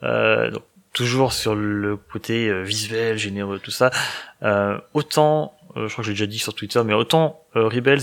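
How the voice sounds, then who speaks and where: Gravelly French man chatting casually. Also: on the low side, fairly bright tone. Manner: hesitant, many fillers and restarts. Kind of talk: casual chat.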